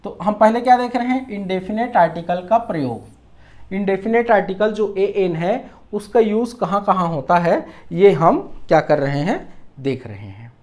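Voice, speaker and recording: A woman teacher walks through a grammar lesson at an even, ordinary pitch. She explains step by step, often putting a question and then giving the answer herself. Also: normal speed. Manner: explains patiently, asks and answers her own questions.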